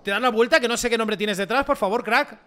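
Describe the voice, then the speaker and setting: Male gaming YouTuber, high and bright, excitable play-by-play with repeated phrases and shouts. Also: fast. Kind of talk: gameplay commentary.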